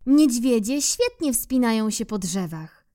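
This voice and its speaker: Woman doing a soft shy teddy bear, slow and lilting, kids' story. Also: fairly high pitch, animated, voice pushed up. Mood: reluctant. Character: gentle, hesitant little teddy bear. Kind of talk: storybook reading for children.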